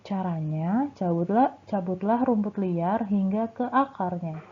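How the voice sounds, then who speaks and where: A woman reading aloud the part of a patient male school gardener who calmly explains his work. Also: medium pitch, unhurried, breathy edge. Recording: tinny phone-like sound.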